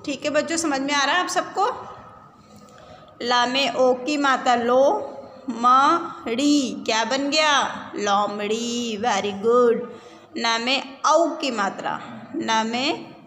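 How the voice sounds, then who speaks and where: A woman leads a reading lesson for young children, pulling each word out slowly and answering her own questions. Her voice sits a little high. The room rings with a long echo over a faint background hum. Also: fairly bright tone. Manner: stretches words syllable by syllable, asks and answers her own questions. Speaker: primary school Hindi teacher. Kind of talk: slow, drawn-out teaching of words to young children.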